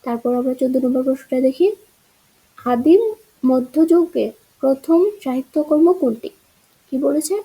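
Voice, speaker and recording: Female teacher, high pitch, soft dark timbre, explains answers step by step. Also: normal speed, long pauses, husky, low-quality recording. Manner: explains answer choices, asks rhetorical checks. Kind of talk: exam-prep grammar lesson.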